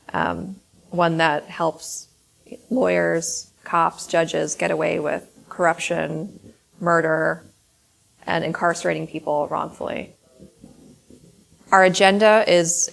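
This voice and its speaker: A woman's voice: on the low side, gravelly. A woman attorney opening a presentation in an earnest, somewhat hesitant way with frequent fillers. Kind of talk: prepared presentation.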